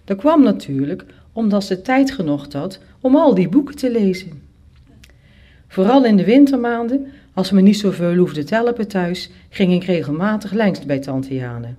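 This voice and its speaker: A storyteller telling a first-person tale with lively expression and steady momentum. The voice sits at a middle pitch and moves easily through the narration. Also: normal speed. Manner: lively, expressive, acts out characters.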